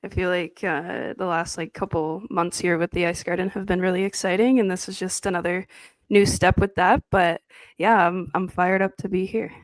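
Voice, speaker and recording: A woman's voice: on the low side, fairly even intonation, normal speed, no room sound, low-quality recording. A woman co-hosting a hockey podcast, keen and casual, with lots of filler words. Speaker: podcast co-host.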